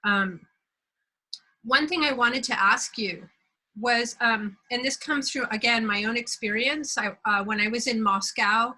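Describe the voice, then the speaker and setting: A woman from Belgium hosting a conversation, telling a personal story in a reflective, unhurried way. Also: fairly high pitch, pushed and bright, low-quality recording. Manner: reflective, unhurried, searching for words. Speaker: host.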